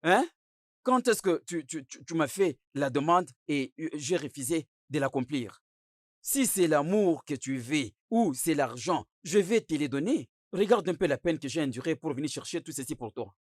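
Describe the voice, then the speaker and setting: A man's voice: fairly high pitch, lively intonation, moderate pace, dry recording, studio quality. A boastful rich old man. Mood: pleading. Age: older. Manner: blustering, then soft and pleading. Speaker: wealthy suitor. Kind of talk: French film dub.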